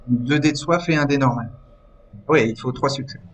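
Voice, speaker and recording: A man's voice: mid-range voice, moderate pace, slight background noise. A man running a tabletop game as game master, talking hesitantly with many fillers.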